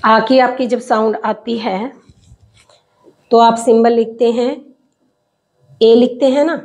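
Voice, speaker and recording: A woman teaching English phonetics, sounding out words slowly syllable by syllable as she explains. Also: on the high side, flat delivery, darkish tone. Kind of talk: slow classroom explanation. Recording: dull lo-fi recording.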